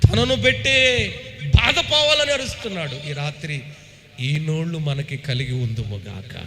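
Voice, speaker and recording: A man's voice: fairly high pitch, fairly bright tone, in a large hall, slight background noise. A man preaching a sermon as pastor, emphatic, calling out to the congregation for responses.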